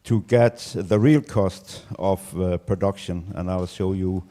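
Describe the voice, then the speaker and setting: A man's voice: low voice, a little slow, mellow. A man from Denmark, a farmer giving a conference presentation in a hesitant way, with many fillers and restarts. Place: conference room.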